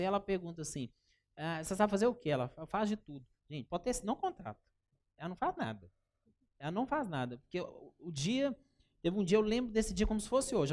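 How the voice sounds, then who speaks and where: A man with a Brazilian accent teaching a live workshop, chatty and animated, often turning to the audience with anecdotes. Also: sits high. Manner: animated, chatty, keeps calling the audience "gente" and telling anecdotes. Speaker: workshop instructor.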